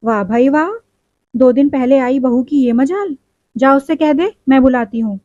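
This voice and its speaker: A woman's voice: high voice, a little slow, a little mellow, no room sound. A woman voicing a stern, traditional older mother-in-law who scolds and commands the household. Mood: indignant. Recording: dull lo-fi recording.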